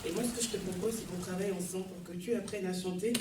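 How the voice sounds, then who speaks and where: A young woman playing a kind church singer, talking softly and gently in an amateur church sketch. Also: lowish voice, fairly even intonation, heavy background noise, natural voice. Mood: gentle. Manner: soft, gentle, quick. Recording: echoey church hall, distant mic.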